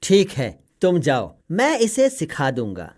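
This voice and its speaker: A woman voicing a patient old male parrot who teaches pronunciation slowly and carefully in a cartoon story. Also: deep voice, huge pitch swings, darkish tone, heavily acted. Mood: kindly. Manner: slow, careful, spelling out each sound.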